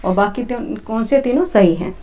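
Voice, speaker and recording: Warm, slightly high, and moderately paced, a woman teacher takes her students through exam questions stage by stage. She often repeats herself and peppers the exam-prep lesson with "theek hai" (okay).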